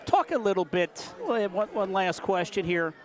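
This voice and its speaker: An older man, a local broadcaster, chatting folksily through post-game interviews with high school players in a gym. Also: very animated, normal speed. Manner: chatty, folksy, rambling questions. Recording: noisy crowd in a gym. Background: cheering crowd.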